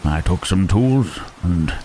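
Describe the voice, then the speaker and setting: In this ASMR roleplay, a male voice actor portrays Frankenstein's monster as a lonely, gentle being who stammers, hesitates, and speaks formally, shy and halting. His low, expressive voice takes its time, tender and shy, dotted with soft "huh," "eh," and "hmm" tags, over slight background noise.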